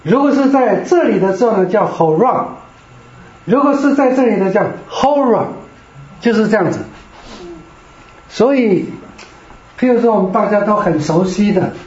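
In a classroom lecture on Greek, a man explains patiently, one step at a time, in a high-pitched, somewhat mellow voice at a moderate pace. The recording is lo-fi, dull and roomy, typical of a classroom.

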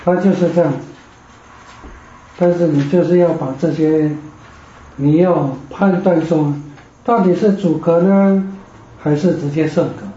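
A man's voice: fairly high pitch, fairly even intonation, measured pace, pauses often, dark tone. A man teaching a Greek grammar class, explaining patiently step by step. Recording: echoey room, dull lo-fi.

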